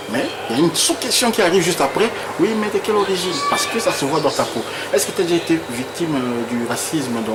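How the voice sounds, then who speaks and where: A male interviewer from Congo works through viewers' questions in a relaxed, conversational way, stumbling and repeating words as he hunts for the right phrase. His voice sits at an ordinary middle pitch. Audible background noise, with an air conditioner humming under him. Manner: halting, repeats words while searching for phrasing. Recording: noisy room with air conditioning.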